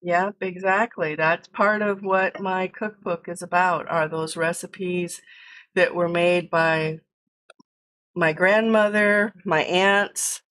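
An American woman talks through a recipe on a cooking livestream. Her voice sits a little low and unhurried. She explains each step and chats with viewers from her home kitchen. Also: fairly even intonation, a bit bright. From United States. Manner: chatty, explains steps while cooking and answers chat. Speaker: cooking stream host. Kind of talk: casual cooking livestream chat.

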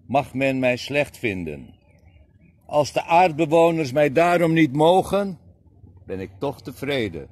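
A man reciting poetry at a reading circle, theatrical, swinging between loud declaiming and soft asides. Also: a little high. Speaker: poetry reader.

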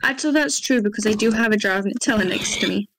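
A woman's voice: medium pitch, fast talker, noisy background. A woman chatting laid-back while playing a video game, teasing her friend. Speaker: gamer. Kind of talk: casual gaming chat.

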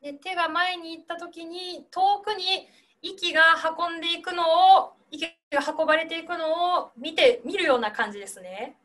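Bright high-voiced woman teacher. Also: moderate pace. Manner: gentle, explanatory, demonstrates sounds. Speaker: singing teacher. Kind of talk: online voice class instruction. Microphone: video call.

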